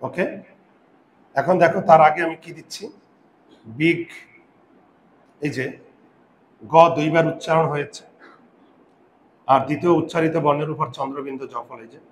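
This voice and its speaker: A man teaching a grammar lesson to a class. He repeats rules, slowly draws out example words and keeps checking that students follow. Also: fairly high pitch, fairly even intonation, echoey room, a little hiss or hum, rough recording. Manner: repeats rules, quizzes students with "বোঝা গেল?"; patient, drawn-out pronunciation of example words.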